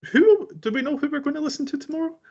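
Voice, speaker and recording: A man's voice: very high voice, animated, rapid-fire, mellow, dull audio. A man co-hosting a casual reaction chat, playful and teasing, with plenty of ums and uhs. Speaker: co-host reacting to songs.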